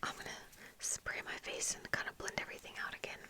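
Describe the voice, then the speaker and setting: A young woman, an ASMR video creator, whispers softly and breathily into a close desk microphone fitted with a fluffy windscreen. Her chat is casual, rambling and unhurried, recorded in a small room at home lined with bookshelves.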